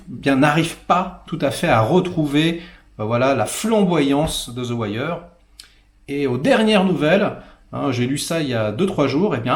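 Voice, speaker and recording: A middle-aged man from France giving a casual talk-to-camera series review, chatty and animated, dotting his talk with little asides. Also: mid-range voice. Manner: chatty, full of "voilà" and "hein" asides; animated, acts out quoted characters. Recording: roomy echo.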